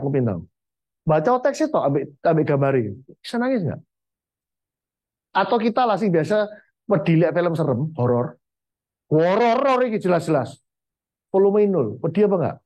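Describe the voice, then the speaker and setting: A man with an East Javanese accent coaching insurance agents in a blunt, motivational training talk. His pitch swings widely from high to low as he drives his points home. He slips English sales terms into his speech. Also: a little mellow, no room sound.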